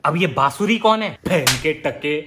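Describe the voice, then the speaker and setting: A man's voice: fairly high pitch, animated, moderate pace, over loud music, lightly acted. A man playing a cheeky young son who mocks his parents in a comedy sketch. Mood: mocking. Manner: sarcastic teasing.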